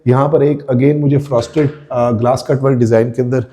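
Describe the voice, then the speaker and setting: Mellow-voiced man touring a house. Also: mid-range voice, steady tone, fairly quick. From Pakistan. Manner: enthusiastic, addresses viewers directly, descriptive. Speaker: real estate tour host. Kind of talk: walkthrough house tour narration. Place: indoors, empty house rooms.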